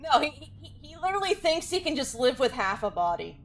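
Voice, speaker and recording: A woman giving casual gaming commentary as a streamer, telling things in an animated way. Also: high-pitched, brisk. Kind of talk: casual chat and commentary over gameplay. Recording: clear background noise.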